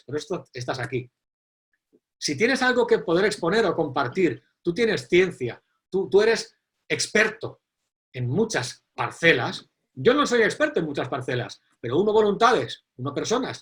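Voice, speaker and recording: A middle-aged man, hosting an online forum and introducing the next speaker in an animated, emphatic way. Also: a little high. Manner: animated, emphatic, repeats key phrases. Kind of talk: live online event introduction.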